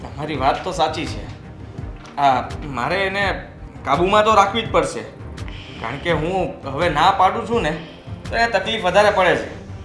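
A man's voice: on the high side, lively intonation, normal speed, long pauses, fairly bright tone, faint music behind. A man playing a tired, complaining young husband who gives in easily. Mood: agreeable. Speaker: newly married husband. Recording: roomy echo.

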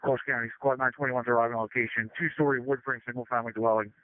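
Fast-talking male firefighter on tinny radio. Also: medium pitch, steady tone, no room sound. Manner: terse, procedural. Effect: two-way radio. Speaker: firefighters on scene. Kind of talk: fireground radio traffic. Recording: tinny, narrow radio transmission.

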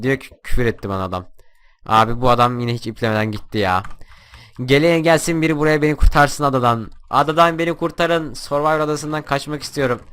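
A young man talks fast through his gameplay. His voice is bright and forceful, and he yells and taunts the other players when the action heats up. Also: medium pitch. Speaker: gaming YouTuber. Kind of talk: live gameplay commentary.

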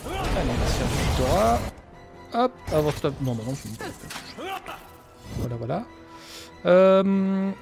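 A man's voice: sits high, very animated, unhurried, vocal fry, pauses often, over loud music. A man hosting a let's play, joking with the characters and reading game text aloud. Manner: joking, chatty, talks to the characters on screen.

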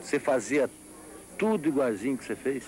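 A man's voice: mid-range voice, animated, fairly quick, a little mellow, low-quality recording. A middle-aged man with a Brazilian accent, interviewing conversationally as a TV reporter on a handheld mic. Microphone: handheld reporter microphone. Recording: guitar music behind.

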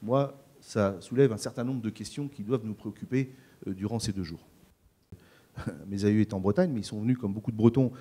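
A middle-aged French farmer speaks on a conference panel before an audience, holding a handheld mic. His voice is fairly low, mellow and a bit fast, and he's hesitant, with many fillers and repeated words.

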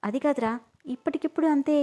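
A woman's voice: high-pitched, fast talker, warm tone, pitched above the performer's own voice, close to an everyday voice. A woman reading the part of an emotional young woman who pleads and cries, in a storybook. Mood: flustered.

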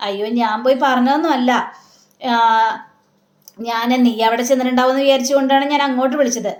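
A woman's voice: sits high, steady tone, fast talker, natural voice. A woman reading the lines of a young husband who teases and defends himself, in an echoey room. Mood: defensive. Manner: plain retelling of a man's lines.

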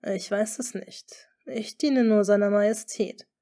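A woman reading a sly, smooth-talking duke. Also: mid-range voice, mellow, natural voice. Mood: scheming. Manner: smooth, measured. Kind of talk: audiobook character reading.

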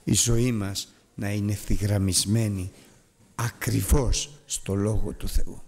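A man's voice: flat delivery, a little mellow. A man preaching a sermon, retelling scripture dramatically, his voice climbing and falling sharply as he addresses the congregation. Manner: dramatic retelling of scripture with big rises and drops in pitch; addresses the congregation directly and urges them.

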